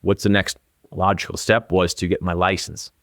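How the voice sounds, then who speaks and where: A man in his forties from northern Minnesota, a real estate agent, chats casually and anecdotally as an interview guest in an Upper Midwestern American accent. His voice is deep and a bit bright, with a flat delivery at a moderate pace. The studio recording is clean, with no echo.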